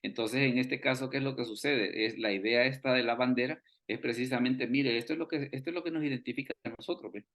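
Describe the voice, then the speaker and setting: A man's voice: mid-range voice, fast talker, few pauses, a bit bright. Man teaching, full of rhetorical questions. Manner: keeps asking rhetorical questions and repeating phrases. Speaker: Bible study teacher. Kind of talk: online Bible study lesson. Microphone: video call.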